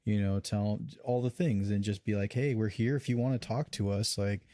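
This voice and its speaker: A man's voice: fairly low pitch, fairly even intonation, moderate pace, warm tone. A man chatting earnestly on a podcast as a paranormal investigator, with many restarts. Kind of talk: casual podcast chat.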